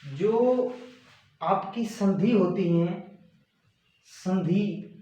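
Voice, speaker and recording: A male teacher giving a grammar lesson, slowly repeating and stressing key words. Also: sits high, lively intonation, warm tone. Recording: very echoey room.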